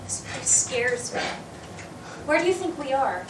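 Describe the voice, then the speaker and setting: A woman acts a scared young heiress pleading with her captor. Her voice is high and lively. It comes from across a reverberant hall with noise behind it. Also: unhurried. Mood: frightened. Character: frightened young heiress held captive. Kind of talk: live community stage play. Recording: distant echoey hall recording, noisy.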